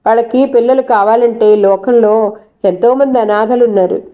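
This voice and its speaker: A woman's voice: a little high, normal speed, lo-fi sound, lightly acted. A woman reading the part of a fierce young woman who firmly defends the baby she is raising. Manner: sharp and firm.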